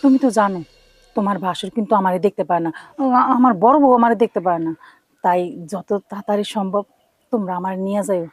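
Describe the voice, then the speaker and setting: An actress plays an older mother-in-law in a family drama, worried and pleading. She speaks quickly at a medium pitch, plaintive, in a dry recording with faint music. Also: no room sound, lightly acted. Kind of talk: Bengali family TV drama acting.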